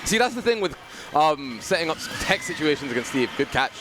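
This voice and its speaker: Excitable British man on commentary. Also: on the high side, a little fast, noisy background. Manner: playful, jokey, excitable on big moments. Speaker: esports commentator. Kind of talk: live tournament commentary.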